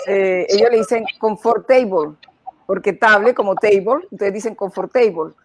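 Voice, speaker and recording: A woman's voice: medium pitch, steady tone, fairly quick, slight background noise. A woman, a guest in an interview, explaining and laughing as she recounts stories. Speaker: guest, coach and former English teacher. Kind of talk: casual interview chat.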